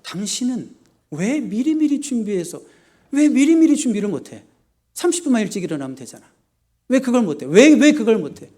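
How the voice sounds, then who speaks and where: A man's voice: extremely high pitch, very animated, brisk, darkish tone, pitched above the performer's own voice, exaggerated voice. A pastor voicing an exasperated husband who scolds his wife for never being ready in time. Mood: nagging. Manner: scolding, repeats his questions.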